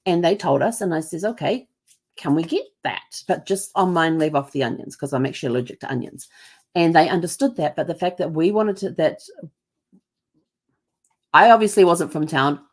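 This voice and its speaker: A middle-aged woman from New Zealand, speaking with a deep voice at normal speed, hosts relaxed travel storytelling. Her accent combines Kiwi and American. She's rambling and chatty, with lots of ums and false starts, and imitates others' voices.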